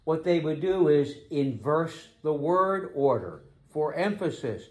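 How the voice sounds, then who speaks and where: A man preaching a sermon as pastor, emphatic, slowing down to stress key phrases. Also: a little high, lively intonation, darkish tone.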